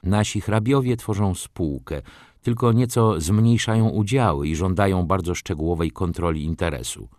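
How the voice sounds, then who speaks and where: A man's voice: low-pitched, normal speed, darkish tone, dry recording, studio quality, lightly acted. A man doing an insistent, suspicious lawyer.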